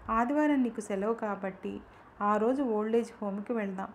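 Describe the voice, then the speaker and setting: A patient, soft-spoken father, coaxing his young daughter along, read out by a woman narrator. The voice sits at a middle pitch, with faint hiss behind it. This is a storybook audio reading. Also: normal speed, close to an everyday voice. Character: loving but harried father, adult man.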